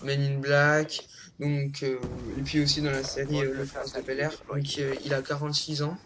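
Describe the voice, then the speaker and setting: A man's voice: mid-range voice, monotone, moderate pace, background noise. A young man hosting a casual countdown vlog, hesitant, with lots of fillers and rambling asides. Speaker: vlogger. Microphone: low-quality home recording.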